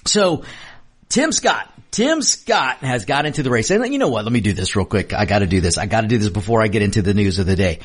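Talk radio guy monologuing, emphatic, repeats himself, really animated pitch. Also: fairly quick, husky. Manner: emphatic, repeats phrases for effect. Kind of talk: impassioned unscripted monologue.

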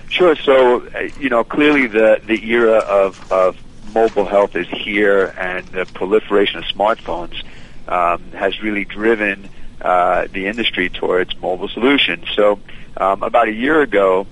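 A man's voice: fairly low pitch, moderate pace, fairly bright tone, low-quality recording. A man heard over a landline phone, a company founder giving a radio interview in a fluent, businesslike way with frequent fillers. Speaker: company founder and CEO, guest. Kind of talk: radio interview guest explaining his service.

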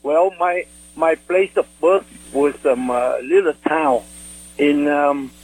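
A man's voice: on the high side, takes it slowly, darkish tone, poor audio. An older man from Vietnam with a Vietnamese accent, recollecting in a radio interview and often searching for words in English, which is not his first language. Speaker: interview guest, war veteran.

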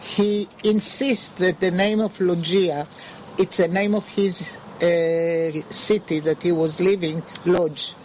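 Older woman, from Israel, halting English, slow, faint noise behind. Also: lowish voice, fairly even intonation, a little mellow. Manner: halting, searching for English words. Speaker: interview guest. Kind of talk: unscripted recollection.

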